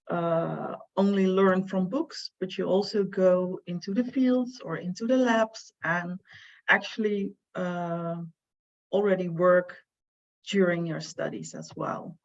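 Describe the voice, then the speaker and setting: A woman's voice: fairly low pitch, steady tone, takes it slowly, gravelly. A woman advisor giving an online information presentation for prospective students, hesitant and full of fillers. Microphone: video call. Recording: muffled lo-fi video call audio.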